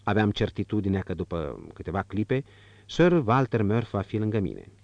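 Low-voiced male audiobook narrator. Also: lively intonation, vocal fry, darkish tone, no echo, highs cut off.

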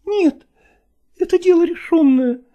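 A woman's voice: extremely high pitch, unhurried, mellow, highs cut off. A woman voicing a stubborn young novice actress in an audiobook drama, insistent and pleading.

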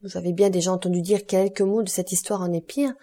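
A woman voicing a composed, courteous middle-aged count in an audiobook, measured and polite. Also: lowish voice, steady tone, dark tone, natural voice. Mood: courtly.

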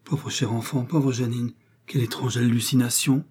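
A man reading aloud and voicing an excitable, portly middle-aged pharmacist who speaks in effusive exclamations. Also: medium pitch, normal speed, slightly rough, lightly acted. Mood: stunned.

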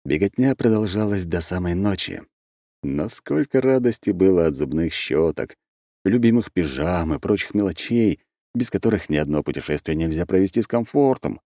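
A man narrating a first-person fantasy audiobook in an expressive reading style. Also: deep voice, moderate pace, dry recording, studio quality.

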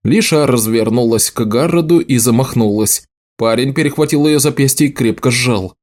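A man narrating an audiobook in a steady storytelling delivery. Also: mid-range voice, moderate pace. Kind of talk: scripted narration.

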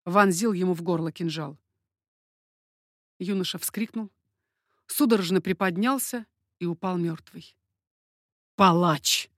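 A woman narrating a historical novel as an audiobook, steady and expressive. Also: lowish voice, unhurried, long pauses, dry recording, studio quality.

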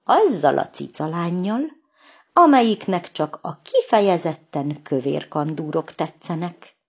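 A woman's voice: fairly low pitch, expressive, slightly rough, highs cut off. A woman voicing a cheerful, confident male cat who sings in a band, in a storybook. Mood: eager. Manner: eager, teasing.

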